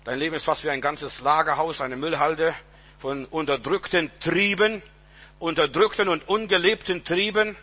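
A man's voice: on the high side, fairly even intonation, normal speed, pushed and bright. A man preaching a sermon, emphatic and repetitive, often restarting with stammered words, on a radio-style recording.

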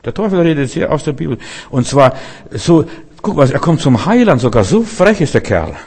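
A man's voice: a little high, very animated, normal speed, darkish tone, breathy edge. A man preaching an informal sermon, talking straight to his listeners and often asking whether they follow. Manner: talks straight to the listener, keeps asking "weißt du?".

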